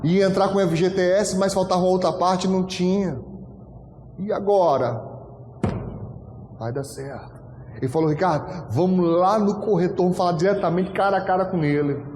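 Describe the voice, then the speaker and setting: A pastor preaching a storytelling sermon, animated and acting out dialogue with frequent laughter. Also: male voice, high voice, moderate pace, a little hiss or hum. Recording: echoey hall with long reverb.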